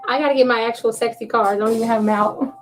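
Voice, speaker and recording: A woman's voice: fairly high pitch, fairly even intonation, racing, soft background music. A woman hosting a live tarot reading, chatting casually with viewers and laughing often. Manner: chatty, laughs often, talks to viewers while shuffling cards. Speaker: tarot reader livestream host. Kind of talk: casual livestream chat.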